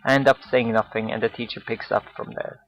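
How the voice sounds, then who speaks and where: A man narrating a visual novel aloud in the first person, low-key and wry. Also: fairly even intonation, fairly quick, lo-fi sound, faint music behind.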